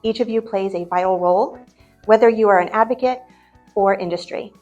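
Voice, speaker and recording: A woman's voice: mid-range voice, brisk, darkish tone, lo-fi sound, soft background music. Emphatic woman addressing a forum. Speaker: conference speaker. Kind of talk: formal address.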